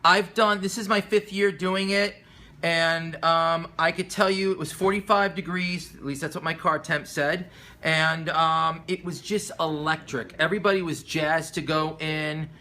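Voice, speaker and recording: Effusive male, casual chat, bright and slightly high voice. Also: steady tone, measured pace. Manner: enthusiastic, effusive.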